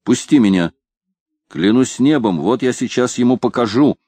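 A man's voice: mid-range voice, expressive, moderate pace, a little mellow, no room sound, voice pushed up, lightly acted. A hot-tempered captain, acted by a male reader, barking threats in a storybook. His voice is raised and swings widely, in a dry, close sound. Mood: furious.

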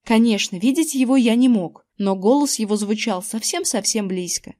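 A woman with a fairly high voice reads a children's story aloud. She narrates expressively, acting out the boy's feelings. It is scripted audiobook narration. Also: normal speed, mellow.

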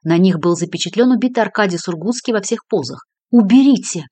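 A woman narrating a crime novel audiobook with brisk, expressive reading. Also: on the low side, no room sound. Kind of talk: scripted narration.

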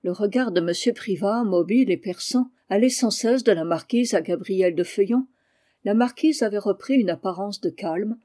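Mellow, measured audiobook reader. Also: mid-range voice. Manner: measured, even literary reading. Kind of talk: scripted narration of a classic novel.

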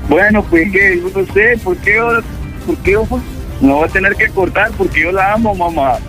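A man's voice: high voice, normal speed, bright, forceful tone, soft background music. A man voicing a lovesick young adult son who pleads and stammers on the phone. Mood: pleading.

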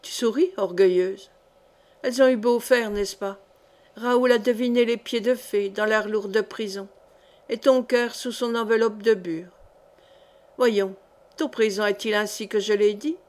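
A woman's voice: mid-range voice, fairly even intonation, unhurried, a little mellow, close to an everyday voice. A woman reading aloud as an old female miller who tells fortunes, commanding and solemn.

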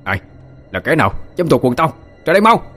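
A man voicing a hot-tempered young thug leader who shouts furious orders. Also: a little high, very animated, brisk, soft background music, voice pushed up. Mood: angry.

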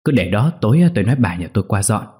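A man doing a gruff, bossy elder brother. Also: lowish voice, very animated, rapid-fire, dark tone. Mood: urgent. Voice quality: brusque, bossy. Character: gruff caring older brother, village builder.

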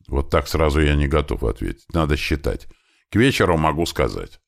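A man's voice: a bass voice, big pitch swings, fairly quick, gravelly, full character voice. A man voicing a practical, plain-spoken male mechanic in an audiobook. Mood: matter-of-fact.

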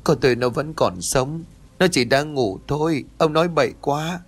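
A man's voice: a little high, expressive, moderate pace, breathy edge, pitched above the performer's own voice. A man voicing a wailing grief-mad mother. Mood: dazed. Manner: wailing, accusing. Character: grieving mother, wailing and hysterical.

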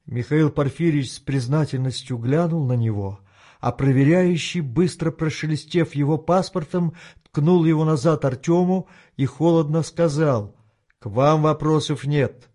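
A man reading a tense novel aloud as an audiobook narrator, with steady, dramatic storytelling. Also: a little high, normal speed. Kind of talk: scripted narration.

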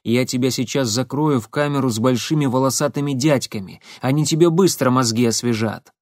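Gruff, hot-headed male agent, loud and threatening, as a narrator puts him on; dry audiobook sound. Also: medium pitch, fairly quick, dry recording, natural voice. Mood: angry threats.

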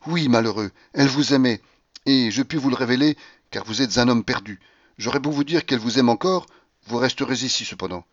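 A grave, earnest English gentleman who lectures in a solemn, steady way, read by a man. His voice sits in a middling register. The recording is close and dry, with a slightly muffled top end. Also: mid-range voice, fairly quick, dry recording, lightly acted. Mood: reproachful.

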